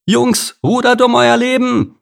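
A man voicing a chorus of tiny panicking ants in a storybook reading, high and piping. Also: steady tone, measured pace, vocal fry, exaggerated voice. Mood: panicked. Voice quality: piping, squeaky. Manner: panicky shouting.

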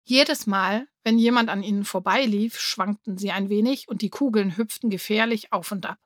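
A woman calmly narrating a children's story. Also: mid-range voice, moderate pace, no room sound, studio quality. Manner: calm, clear storytelling. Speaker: reader.

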